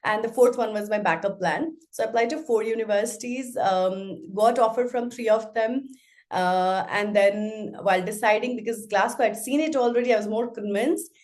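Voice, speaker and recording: Woman, 30s, podcast guest, thoughtful answers with many fillers, mid-pitched. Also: moderate pace, a little mellow. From Nepal. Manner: thoughtful, talks with frequent fillers and restarts. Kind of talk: casual interview conversation.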